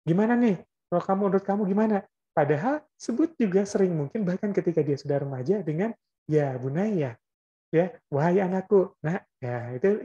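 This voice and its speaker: A man's voice: fairly high pitch, dark tone, lo-fi sound. A man giving an Islamic parenting lecture, explaining in a conversational way and often adding little checking tags.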